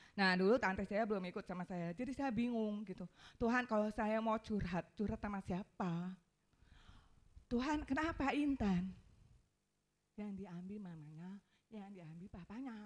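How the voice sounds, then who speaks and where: A middle-aged woman pastor preaching a sermon with a casual twang, telling stories with emotion and swinging from loud pleading to soft murmurs. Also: medium pitch.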